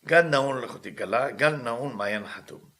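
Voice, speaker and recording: Guy teaching kabbalah, bright voice, asks himself questions and answers. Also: medium pitch. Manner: reads Hebrew quickly then explains in English. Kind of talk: teaching a text.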